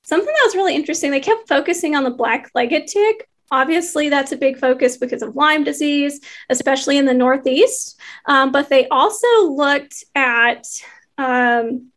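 A high-pitched woman speaks with a Georgia Southern accent. She talks as a panelist, casually explaining research and bantering with colleagues. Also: normal speed, a bit bright.

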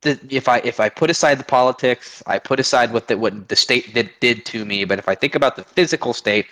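This guest is a man in his 20s from Oregon, an army veteran, chatting on a laid-back podcast interview. He talks briskly in a medium, slightly bright voice, wandering through his story with frequent fillers and false starts, captured on low-quality audio.

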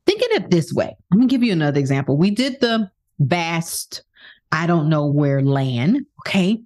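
A woman's voice: low-pitched, big pitch swings, normal speed, a little mellow. A woman giving a motivational talk as a self-help speaker, speaking emphatically and asking the listener rhetorical questions. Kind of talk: motivational monologue.

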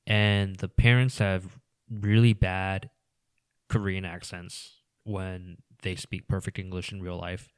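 Man, low voice, dry close sound, rambling, trails off, casual guest chat. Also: little pitch movement, slow pace, clear, resonant tone, dry recording. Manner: rambling, drops to mumbles, lots of "you know". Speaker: podcast guest.

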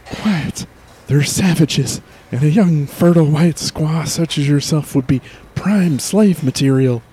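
A man voicing a hallucinating man who shouts frantic frontier-style warnings. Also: a little high, a little slow, slight background noise, pitched above the performer's own voice, natural voice.

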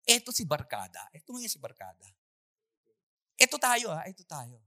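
A preacher tells a sermon story with great animation, acting out the scenes. The pitch leaps high and low all the time. The tone is bright and clearing of the throat comes often. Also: wildly swooping pitch, normal speed, dry recording, clean studio sound.

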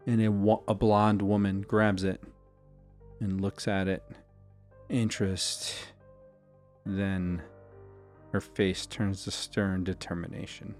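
Man, game master, slow scene narration, low voice, faint music behind. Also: level tone, darkish tone.

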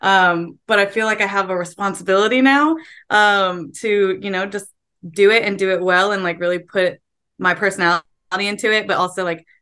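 Young woman, guest voice actor, bright voice, mid pitch, upbeat chatty talk. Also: steady tone, fairly quick, clean tone. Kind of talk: casual interview chat.

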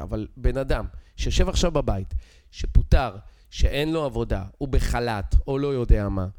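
A man's voice: mid-range voice, mellow. A middle-aged man with an Israeli accent explains in casual conversation, insistent and teacherly, often checking with rhetorical questions. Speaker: real estate expert guest.

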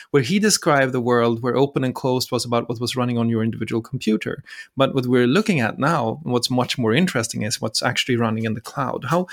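Male co-host, measured, conversational, builds a question step by step. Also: mid-range voice, a bit bright. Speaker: podcast co-host. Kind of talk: conversational policy discussion.

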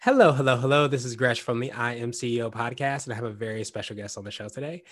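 A man's voice: medium pitch, quick pace, fairly bright tone, soft background music. A man hosting a business podcast, upbeat and chatty, often repeating words and restarting phrases as he speaks. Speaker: podcast host. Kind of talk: podcast interview.

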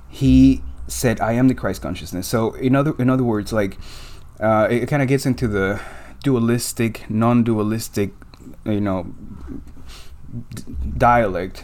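Animated man telling an emotional story. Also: mid-range voice. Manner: animated, emotional storytelling with frequent fillers and swearing. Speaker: podcast guest. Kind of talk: casual conversation.

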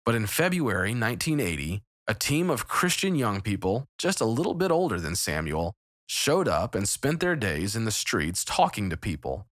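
A man narrating a scripted devotional story in a measured storytelling manner, recorded as a studio voice-over. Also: lowish voice, dry recording. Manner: measured storytelling with lively intonation. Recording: narration over clear background music.

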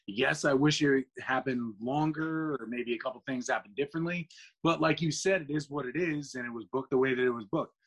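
A man's voice: mid-range voice, a little fast, fairly bright tone, husky. A man in his mid thirties, a host chatting enthusiastically and agreeably with his guest. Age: 30s. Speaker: podcast host. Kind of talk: casual interview chat.

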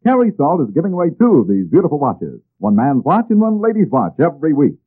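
A man in the style of an old radio announcer, reading a scripted sales pitch and addressing listeners directly like a salesman. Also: huge pitch swings, quick pace, slightly rough. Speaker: announcer reading sponsor ads. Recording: tinny, band-limited old radio recording.

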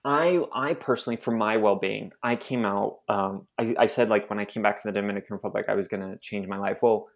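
In an interview, a young man from Arizona who works for a nonprofit shares his personal story, halting and emotional as he keeps restarting. His voice sits on the low side with vocal fry.

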